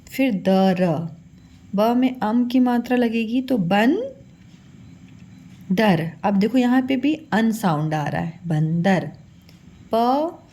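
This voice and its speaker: A woman's voice: fairly high pitch, mellow. A woman teaching children a phonics lesson, patiently sounding out each syllable and calling her pupils "beta".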